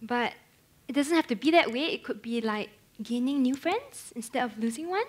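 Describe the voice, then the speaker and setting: A young woman plays a blunt, sassy school friend. Her voice is somewhat high, and she talks in a frank, teasing way. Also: expressive, normal speed, breathy edge.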